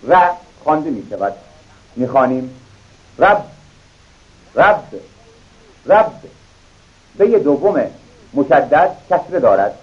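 A man's voice: fairly high pitch, highs cut off. A man teaching a reading lesson, patiently spelling out each syllable and repeating it.

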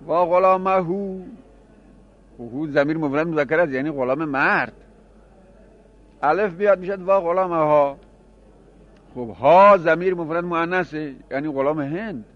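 A man's voice: a little high, pauses often. Man teaching a grammar lesson, lo-fi. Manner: explains by repeating examples and asking questions.

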